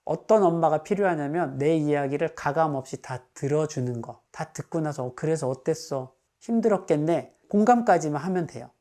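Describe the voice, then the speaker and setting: A male psychiatrist calmly explaining advice for parents, now and then acting out what a parent or child would say. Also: fairly high pitch, a little fast, few pauses.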